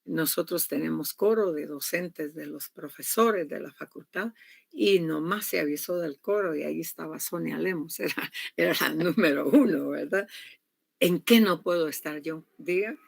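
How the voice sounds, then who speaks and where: A woman's voice: low-pitched, vocal fry, husky, no room sound. Woman, university lecturer, emphatic classroom delivery, checks that students follow, dry close sound. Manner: emphatic, keeps asking "¿verdad?" to check understanding.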